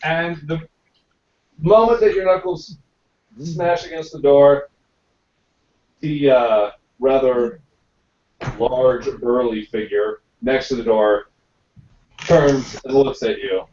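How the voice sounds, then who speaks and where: A man's voice: mid-range voice, steady tone, takes it slowly, long pauses, a little mellow. A man narrating a tabletop game as dungeon master, thinking aloud with many fillers. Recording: roomy, distant, dull amateur recording.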